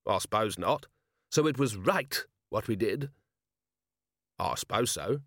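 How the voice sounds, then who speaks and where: A weary, blunt watch commander speaks with dry, tired bluntness, as a male narrator voices him. The tone stays close to the reader's own with lively pitch movement. The recording is close and dry. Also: a little slow, vocal fry, no echo, heavily acted.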